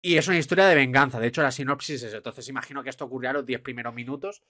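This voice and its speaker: Excitable young Spanish man, dry sound. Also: mid-range voice, very fast, dry recording. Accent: Spain Spanish. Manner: excitable, swears, gushing. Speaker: film reaction host. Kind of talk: excited trailer reaction.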